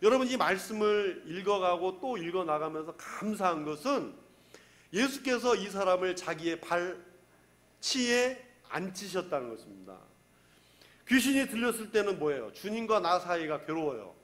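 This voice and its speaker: A middle-aged man preaches a sermon in a high voice that climbs and drops with animated swings. He repeats his key phrases for emphasis and keeps asking the congregation questions. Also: normal speed. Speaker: pastor.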